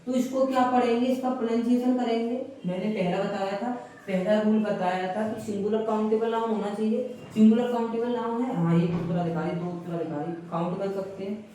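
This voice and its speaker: A man's voice: high-pitched, flat delivery, brisk, mellow. A male teacher giving a classroom grammar lesson, repeating key phrases and quizzing the class with questions. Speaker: English teacher. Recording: very echoey room, voice far from mic, faint hiss.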